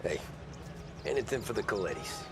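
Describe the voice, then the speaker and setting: A laid-back mob driver with a dry, wry way of talking. His voice sits low. Game music plays loudly behind. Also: lively intonation, brisk. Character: cool young mob driver, dry humor.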